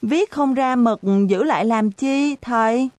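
A cheeky, naive little schoolgirl, put on by a woman reading an audiobook, chirps her stubborn questions in a raised, bright voice. Her delivery is slow and unhurried, and the recording is close and dry, with no room around it. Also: fairly high pitch, no room sound, pitched above the performer's own voice, natural voice. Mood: innocent, chirpy.

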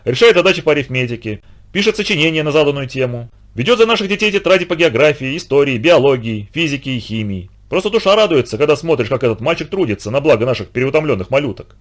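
A man voicing a conceited, self-pitying male bandit who flatters and boasts in a raised, wheedling voice. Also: on the high side, fast talker, natural voice. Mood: boastful. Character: whiny, fawning, conceited adult male bandit.

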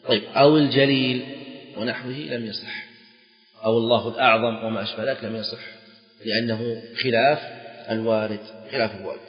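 A man's voice: medium pitch, fairly even intonation, fast, slight background noise. Man lecturing in an echoey hall. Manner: repeats key phrases for emphasis, sing-song stresses. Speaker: teacher of Islamic jurisprudence. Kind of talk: classroom lecture explaining a text. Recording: echoey hall, dull lo-fi sound.

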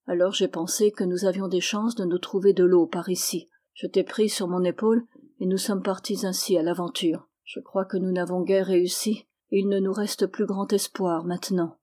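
A woman voicing an exhausted, tender man stranded in the desert, speaking gently and wearily in an audiobook. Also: lowish voice, flat delivery, normal speed, lightly acted. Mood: weary. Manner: gentle, weary, subdued. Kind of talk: audiobook reading.

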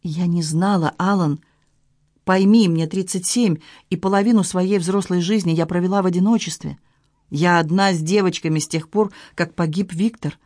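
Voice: medium pitch, fairly even intonation, normal speed, a little mellow, no echo, clean studio sound, lightly acted. A reader voicing a frightened, ashamed widow in her late thirties, speaking tearfully in an audiobook scene. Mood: pleading. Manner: tearful, pleading storybook dialogue. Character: distraught young widowed woman, frightened and ashamed. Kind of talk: audiobook reading.

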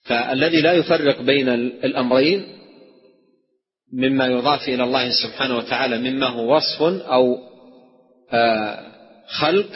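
A man teaching a creed text as a religious scholar, who explains by repeating key phrases and asking questions, then answering them. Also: mid-range voice. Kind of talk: classroom lecture on theology. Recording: dull recording in a hall with long reverb.

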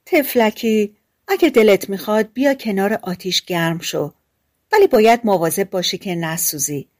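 A woman's voice: medium pitch, lively intonation, a little mellow, natural voice. Woman voicing a kind caring mother.

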